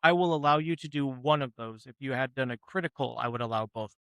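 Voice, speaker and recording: A male game master narrating a tabletop game at a measured, deliberate pace. His voice is mid-pitched and plain. The sound is close and dry. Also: fairly even intonation, fairly bright tone, clear, resonant tone, no echo.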